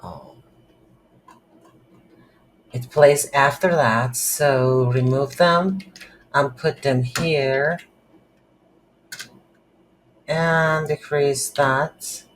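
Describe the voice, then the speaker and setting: Light background noise sits under this mid-range voice of a tutorial instructor, who narrates a screen-recorded coding lesson by thinking out loud, haltingly and without a script.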